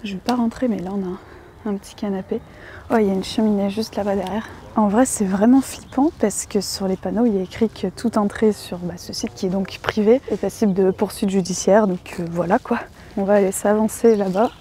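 Young woman, urbex vlogger, chatty and excited, hushed at times, outdoors, handheld camera. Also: mid-range voice, brisk, slight background noise. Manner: excited, chatty, often hushed while exploring. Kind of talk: casual vlog narration with sponsored segment. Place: outdoors at an abandoned resort.

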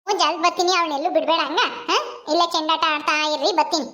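Gentle young mother put on by a performer, home drama, soft lower voice. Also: fairly even intonation, very fast. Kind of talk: home-made family drama.

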